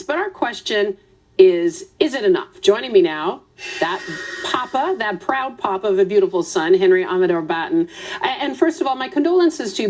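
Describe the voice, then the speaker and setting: A woman's voice: on the high side, a little mellow. A woman hosting a news interview, empathetic and encouraging toward her guest. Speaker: news show host. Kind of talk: broadcast interview.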